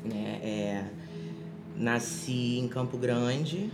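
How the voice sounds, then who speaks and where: Speaking very slowly in a bass voice, a woman from Rio de Janeiro, Brazil, gives her personal testimony as an interview guest on a podcast. She uses many fillers and restarts. The room is echoey, with music playing behind her.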